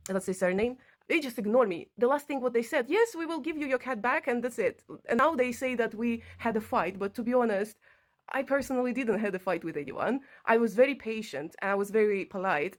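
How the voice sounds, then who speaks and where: Earnest and conversational, this Latvian vlogger recounts her personal experiences to the camera in English, which is not her first language. Her pitch is medium, and her phrasing shows she is a non-native speaker.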